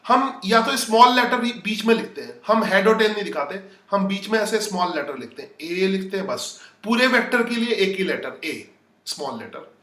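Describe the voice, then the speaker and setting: A man's voice: high voice, animated, moderate pace, fairly bright tone, echoey room, recorded from a distance. A man teaching a physics lesson live. He talks to his students casually and breaks off to read their comments. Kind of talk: live online lecture.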